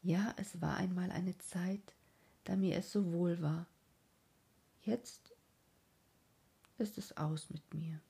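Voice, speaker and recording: A whispered role-play of a gentle, deluded young man, voiced by a woman, wistful and dreamy. The whisper is husky and gravelly. It moves slowly. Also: fairly low pitch, fairly even intonation, full character voice.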